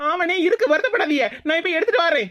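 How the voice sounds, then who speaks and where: A woman's voice: very high-pitched, lively intonation, very fast, a bit bright. A woman doing a kind little sister. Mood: soothing. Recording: dull, hissy recording.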